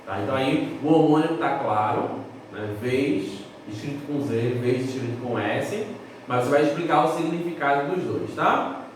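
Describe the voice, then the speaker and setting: A man's voice: medium pitch, moderate pace, slight background noise. A male teacher with a Brazilian Portuguese accent giving a recorded lesson, explaining patiently, repeating key points and checking in with his students. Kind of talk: recorded remote class lesson. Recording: echoey room, voice from a distance.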